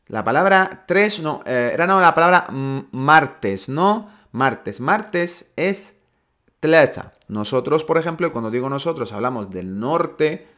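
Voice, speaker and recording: A man's voice: medium pitch, lively intonation, measured pace, a bit bright. Man from teaching casually. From Ceuta. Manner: conversational, many fillers and restarts, asks "¿no?". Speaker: Darija teacher. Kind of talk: casual explanatory lesson.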